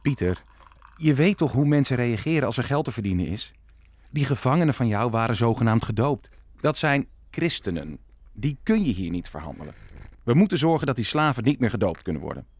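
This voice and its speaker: An actor playing an ambitious, calculating prince in a historical radio play, persuasive and commanding. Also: male voice, mid-range voice, big pitch swings, fairly quick, a little mellow, dry recording. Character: scheming Dutch prince, ambitious and calculating statesman. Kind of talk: audio drama acting.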